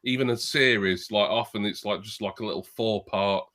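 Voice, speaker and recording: A man with a fairly low voice chatting casually on a livestream call. He meanders from one thought to the next and works things out aloud as he goes. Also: normal speed, a bit bright.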